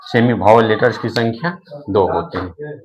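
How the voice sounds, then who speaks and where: Crowd noise and lo-fi sound surround this man's lowish, lively voice as he talks at a moderate pace. Explaining English in Hindi like a classroom teacher, he asks questions and answers them himself, with frequent repeats, restarts, and fillers such as "nahin."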